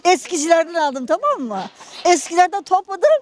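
Toothless older woman, very high-pitched. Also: expressive, brisk. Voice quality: toothless, mushy articulation. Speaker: street interviewee. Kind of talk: casual street interview. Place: busy outdoor street market. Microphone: handheld reporter microphone held close.

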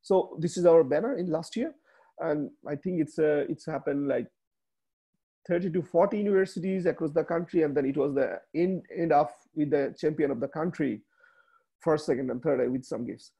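A webinar speaker in his thirties, native to Bangladesh and speaking Bengali as his first language, presents slides over a video call from a small room, with a Bangladeshi accent. Fillers and restarts make his speech halting. His voice is a little high, mellow and slightly rough, with vocal fry.

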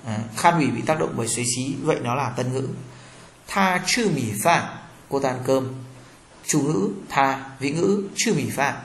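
A man teaching a Chinese lesson, reading words and short dialogues slowly and explaining grammar. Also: mid-range voice. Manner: slow, clear drilling of words, explains grammar. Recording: echoey room.

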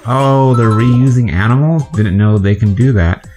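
A man's voice: medium pitch, measured pace, darkish tone. A man hosting a let's play, chatting and guessing aloud to himself as he plays through a video game. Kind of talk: gameplay commentary. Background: faint game music.

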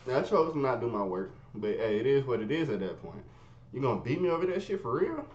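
A man telling a story in casual, profane street slang, swinging from low mutters to high yelps. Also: very animated, quick pace, a little mellow, a little hiss or hum. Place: his bedroom. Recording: roomy, dull lo-fi sound.

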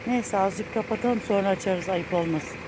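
A woman's voice: medium pitch, moderate pace. A woman walking through her neighborhood and filming on a handheld phone, fondly coaxing and scolding her pet cat to follow her. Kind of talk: casual walking vlog. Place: outdoors on neighborhood streets. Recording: noisy outdoor street recording.

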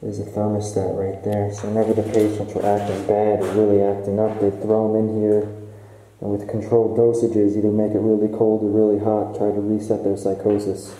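A man's voice: lowish voice, monotone, brisk, warm tone, faint music behind. A young man exploring an abandoned hospital, giving casual, awed, speculative commentary as he walks through with a camera while wearing a respirator mask. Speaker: urban explorer. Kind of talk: casual guided walkthrough. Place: large abandoned hospital, indoors. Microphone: camera-mounted mic, wearing a respirator mask. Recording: echoey empty halls.

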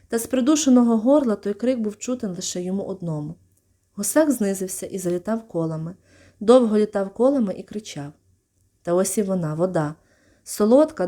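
A woman reading a children's story aloud, calm and expressive, giving brief voices to the characters. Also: medium pitch. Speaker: audiobook reader.

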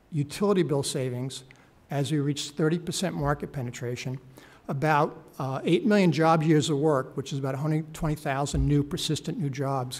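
A middle-aged man presenting a government home program on a policy panel, enthusiastic and persuasive, speaking into a table mic in a wood-paneled hearing room. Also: on the high side. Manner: enthusiastic, persuasive, gestures while talking. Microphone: table mic on stand.

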